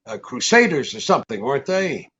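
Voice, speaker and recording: A man's voice: mid-range voice, very animated, brisk, fairly bright tone, husky. A man playing a cynical, wisecracking hard-boiled detective in a radio drama, brusque and sardonic. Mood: offhand. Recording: dull, muffled radio recording.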